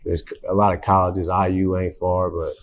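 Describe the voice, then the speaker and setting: A young man with a very low voice, talking laid-back and easygoing as a guest in a casual interview. He rambles a little, repeats words and leans on fillers. He is from Indiana. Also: level tone, moderate pace. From Indiana, USA.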